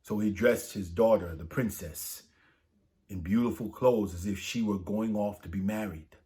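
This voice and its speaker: Here a man with a fairly low pitch reads children a story about a saint, keeping a moderate pace. He brings lively energy and lifts his voice for the lines characters speak.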